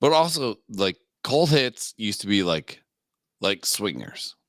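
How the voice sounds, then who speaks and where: A man co-hosting a casual podcast, easygoing and quick to laugh. He talks slowly in a low voice that still moves around a lot. Dry, close recording. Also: big pitch swings, fairly bright tone, dry recording. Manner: laid-back, agreeable, laughs a lot. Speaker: podcast co-host. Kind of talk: casual chat.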